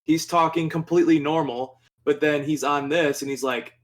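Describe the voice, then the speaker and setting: A young man co-hosting a podcast in casual chat, talking excitedly, rambling with lots of fillers and swearing freely. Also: fairly high pitch, normal speed. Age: young adult. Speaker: podcast co-host.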